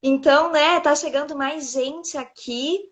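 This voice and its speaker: A woman's voice: high voice, steady tone, measured pace. A woman hosting a casual live stream, greeting viewers by name and chatting.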